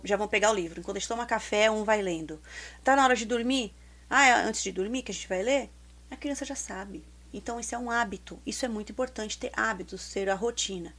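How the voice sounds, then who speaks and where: A woman teacher with a Brazilian Portuguese accent, giving casual, emphatic advice to parents and repeating her key points. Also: mid-range voice.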